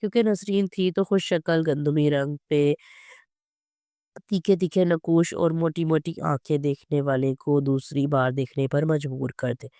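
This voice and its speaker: A storyteller reading a serialized novel aloud as scripted narration, steady and even. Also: medium pitch, a little slow, dry recording, studio quality.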